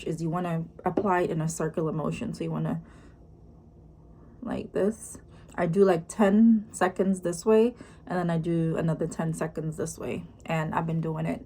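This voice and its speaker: A woman with a Jamaican accent chatting casually in a vlog, explaining things as she goes in an unhurried, conversational way. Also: on the low side, darkish tone. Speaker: vlogger. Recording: clearly noisy room ambience.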